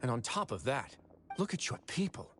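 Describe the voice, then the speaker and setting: An actor playing a stern, righteous duke in a video game, speaking in a firm, measured way. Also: male voice, medium pitch, sing-song, a bit bright. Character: stern, principled male duke running a prison fortress. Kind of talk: dramatic video game voice acting.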